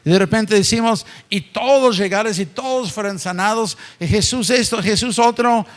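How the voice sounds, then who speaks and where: A man preaching a sermon in a church, often asking the congregation rhetorical questions and acting out quoted voices. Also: moderate pace. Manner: acts out quoted voices with sharp pitch jumps. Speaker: pastor.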